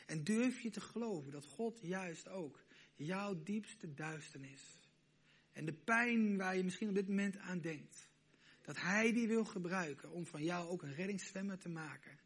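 A man preaching a sermon, moving between hushed, intimate questions to the listener and loud, emphatic declarations. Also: high voice, expressive, measured pace, breathy edge.

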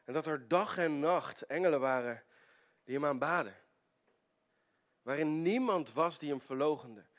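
A male preacher telling a story during a sermon in an earnest way, with stammering restarts, often dropping into a hushed tone. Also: a little high, animated, measured pace, long pauses.

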